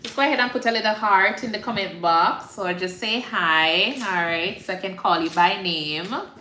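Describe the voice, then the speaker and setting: A nurse practitioner with a Jamaican accent chats informally with her livestream followers at a moderate pace, her mid-range voice pushed and bright. She often checks that listeners understand, and the recording has echo and faint background noise.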